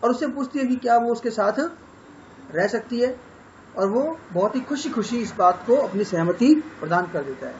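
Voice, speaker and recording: A high-voiced man with an Indian accent talks students through a novel's plot in a patient, explanatory lecture. He switches between Hindi and English and stops on fillers as he thinks. The sound is dull and lo-fi, with faint noise behind. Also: lively intonation, normal speed. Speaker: English literature teacher.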